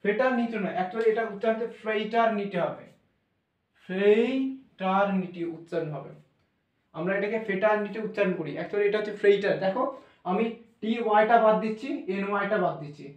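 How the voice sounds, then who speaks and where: A man teaching a class, explaining English pronunciation in a slow, repetitive classroom style, spelling words out and correcting himself. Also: sits high. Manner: spells words out letter by letter, repeats and self-corrects. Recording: echoey room, voice from a distance.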